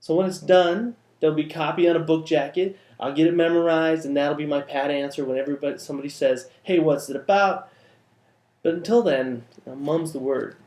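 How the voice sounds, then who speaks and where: A man's voice: a little high, steady tone, a little fast, hardly any pauses, a little mellow, roomy sound. A man hosting his own vlog, talking about the novel he is writing with wry, dry humor and playful wordplay. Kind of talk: casual talking-head vlog.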